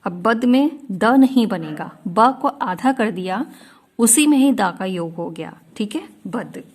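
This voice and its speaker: A woman's voice: mid-range voice, expressive, darkish tone, breathy edge. A woman teaching a shorthand class, explaining each rule step by step and often checking that her students follow. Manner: slow, patient, often checks in with "ठीक है?".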